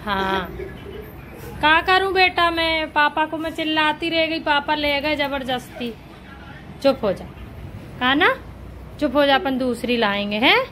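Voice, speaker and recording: A woman's voice: high-pitched, unhurried, long pauses, bright, forceful tone, slight background noise, low-quality recording. A woman in her thirties filming a family vlog, coaxing and soothing her crying children in casual talk. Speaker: vlogger and mother.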